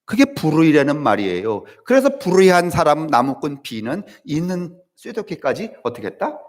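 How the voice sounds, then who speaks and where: Korean pastor preaching, higher-pitched voice. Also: male voice, sing-song, normal speed. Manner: conversational preaching with rhetorical questions to the congregation; swings between loud high emphasis and low quiet asides. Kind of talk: sermon. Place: church.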